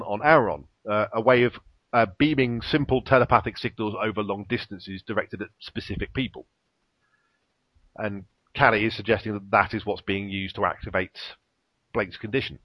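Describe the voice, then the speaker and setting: A man's voice: lowish voice, fairly even intonation, normal speed, no echo, highs cut off. A man casually retelling the plot of a TV episode in a rambling way, with fillers and little chuckles. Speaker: podcast co-host recapping an episode. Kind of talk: casual chat, episode recap.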